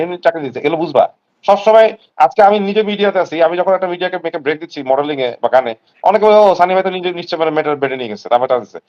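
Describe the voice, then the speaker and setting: Fast-talking man. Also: a little high, a little mellow, lo-fi sound. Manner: emphatic, repetitive, lecturing. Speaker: guest on an online live stream. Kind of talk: heated casual talk.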